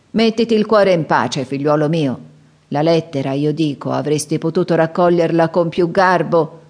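Booming, bitter old father in an audiobook, read by a woman, pitched up and loud. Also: natural voice. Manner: booming, scolding, sighing. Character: gruff aging widower father, loud, bitter, mocking.

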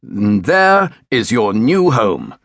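A man voicing a brisk, commanding naval captain who is curt and impatient with questions. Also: mid-range voice, big pitch swings, no room sound, studio quality, full character voice.

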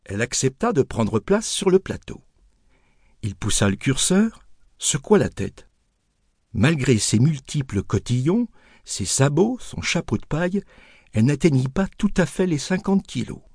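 A man narrating an audiobook in an expressive storytelling manner. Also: a little high, measured pace, breathy edge, dry recording, clean studio sound. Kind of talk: scripted narration.

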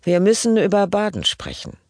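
A woman reading the part of a fanatical older Prussian general whose speech is slurred and indistinct, slow and commanding. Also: medium pitch, wildly swooping pitch, darkish tone, no room sound, studio quality, pitched above the performer's own voice.

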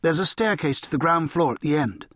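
A man's voice: fairly high pitch, brisk, fairly bright tone, dry recording, studio quality, voice pushed up. A man voicing a fierce, touchy schoolboy who speaks tersely. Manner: terse, curt.

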